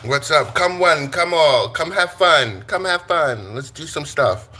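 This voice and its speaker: A man's voice: on the high side, expressive, measured pace, background noise. A man from Brooklyn, chatting playfully with viewers on a live tarot stream, joking and swearing freely. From Brooklyn, New York.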